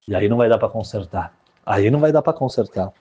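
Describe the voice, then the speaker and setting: A man voicing a grave older rabbi who scolds quietly and firmly. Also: on the low side, expressive, fast, husky, dull audio. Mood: stern. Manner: firm, hushed, admonishing. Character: stern older male rabbi, firm and grave.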